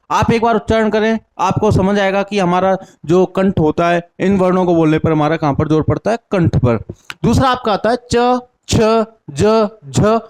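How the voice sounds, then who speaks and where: A young man teaching a lesson with a north Indian Hindi accent. He asks each question, answers it himself, repeats the answer, and sounds out syllables slowly one by one. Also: sits high, darkish tone. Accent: Hindi-speaking north Indian. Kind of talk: classroom lesson with call-and-response drills.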